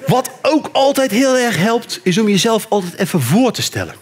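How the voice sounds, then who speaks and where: A middle-aged man with a Rotterdam Dutch accent performing a stand-up cabaret monologue on stage, animated and quick to slip into character voices. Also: sits high, a faint crowd. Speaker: cabaret comedian. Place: theatre stage with live audience.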